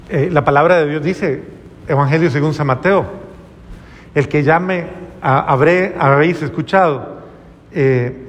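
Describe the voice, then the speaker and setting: A man's voice: fairly high pitch, long reverb tail. A man, a priest, delivering an earnest, moralizing sermon full of rhetorical questions.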